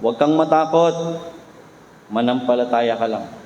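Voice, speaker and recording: A man's voice: medium pitch, measured pace, a little mellow. A man, a pastor preaching a sermon with emphatic rhetorical questions. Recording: reverberant hall with faint hum.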